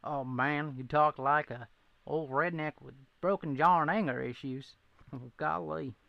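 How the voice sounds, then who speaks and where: A man with a thin Boston accent, from New England near Rhode Island, hosts a laid-back livestream, rambling, teasing himself and replying to chat. His voice is a little high and steady, unhurried, with vocal fry. The recording is muffled, with no room sound.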